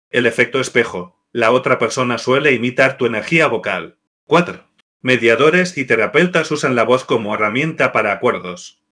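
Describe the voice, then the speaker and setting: A man reading a scripted devotional explainer in a measured, list-like way. His pitch jumps up or down each time he reads out a number. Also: pushed and bright. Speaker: narrator.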